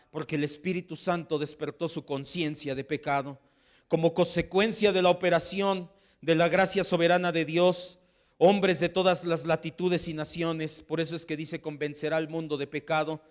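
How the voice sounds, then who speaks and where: A man's voice: fairly high pitch, fairly bright tone. A man with a Mexican Spanish accent preaching a sermon as pastor, with impassioned delivery that acts out the voices he quotes.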